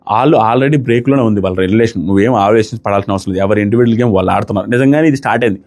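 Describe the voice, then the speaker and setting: Fast-talking man reviewing a reality show. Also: lowish voice. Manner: rapid, animated commentary, quoting others in passing. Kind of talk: casual spoken review.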